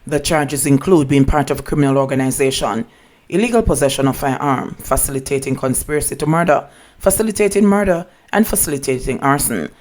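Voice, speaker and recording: A man reading a scripted news report in a formal, measured manner. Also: medium pitch, a little mellow. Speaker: news narrator.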